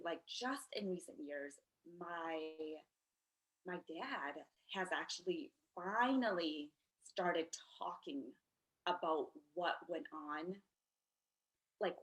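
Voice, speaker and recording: A woman co-hosting a podcast, speaking reflectively and haltingly, with many "like"s. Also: lowish voice, a bit bright, poor audio. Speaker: podcast co-host. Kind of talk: casual conversation.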